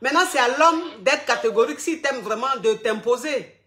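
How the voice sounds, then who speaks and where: A woman with a high voice hosts a live call-in advice show. She talks bluntly and repeats her points, calling her listeners by pet names. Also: expressive, normal speed, a bit bright. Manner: blunt, repetitive, affectionate terms.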